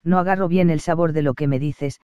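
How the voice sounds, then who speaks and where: A man's voice: on the high side, steady tone, fairly quick, clean tone, no room sound, phone-quality sound, lightly acted. A man reading Kukulkan, a rapturous sun god. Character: sunlike male god, ecstatic, lyrical. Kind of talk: audiobook reading of a verse play.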